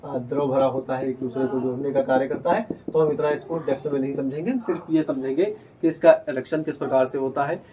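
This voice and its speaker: A man's voice: mid-range voice, steady tone, fast, few pauses, mellow, low-quality recording. A man teaching a biology lesson at a board, explaining step by step and asking questions he then answers himself. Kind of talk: whiteboard lesson.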